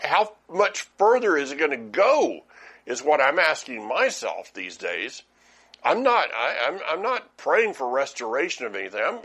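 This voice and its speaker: Homem pregando de forma informal e hesitante. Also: male voice, on the high side, fairly bright tone. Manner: conversational, halting with many restarts. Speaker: Bible teacher. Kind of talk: informal Torah teaching.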